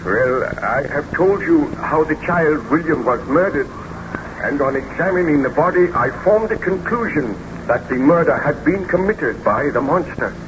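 An actor playing a remorseful, commanding baron in a 1930s radio drama, with formal, theatrical delivery. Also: male voice, a little high, lively intonation, moderate pace, close to an everyday voice. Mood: grave, troubled. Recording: muffled, noisy 1930s radio recording.

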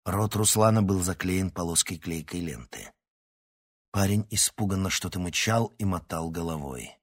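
A man narrating an adventure story in a steady, dramatic reading voice. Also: low voice, normal speed. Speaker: audiobook narrator. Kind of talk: scripted narration.

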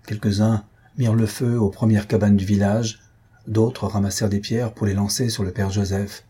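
A man reading a French short story aloud as narrator, measured and dramatic, lifting his voice for the characters' shouts. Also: fairly low pitch, little pitch movement, breathy edge. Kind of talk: scripted audiobook reading.

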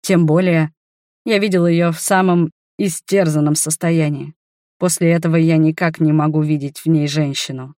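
A woman voicing a gentle, shy wanderer man who talks softly and tenderly to his beloved in an audiobook. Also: on the high side, steady tone, moderate pace, no room sound, clean studio sound, lightly acted. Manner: soft, tender and reassuring. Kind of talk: audiobook character voice.

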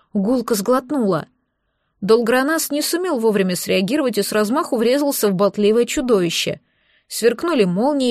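A woman reads a first-person fantasy audiobook with expressive, emotional delivery. Her voice sits fairly high. The close, dry recording has no room sound. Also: no echo. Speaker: audiobook narrator.

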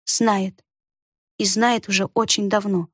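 A woman reading a fantasy story aloud in an expressive storytelling manner. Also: on the high side, normal speed, no echo, studio quality. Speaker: audiobook narrator. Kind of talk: scripted fantasy narration.

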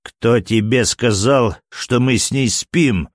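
A man voicing a gruff, snapping doctor. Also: on the low side, unhurried, dry recording, clean studio sound, natural voice.

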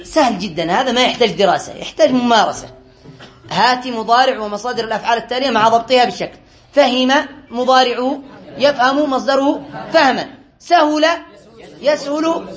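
A man's voice: very high voice, a bit bright. A man teaching a class, going over quiz answers patiently and asking often whether everyone follows, with a light touch. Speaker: teacher of Arabic grammar. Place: classroom with a board.

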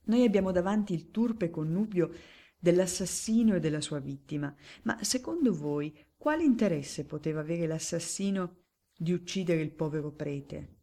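A woman reading aloud as a shrewd, affable older male magistrate who questions a witness in a smooth, genial way. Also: fairly low pitch, expressive, moderate pace, dark tone.

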